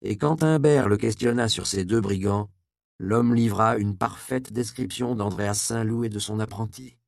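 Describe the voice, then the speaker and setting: A man reading a historical novel aloud as an audiobook narrator, with measured storytelling. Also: fairly low pitch, creaky, no room sound, studio quality. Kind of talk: scripted narration.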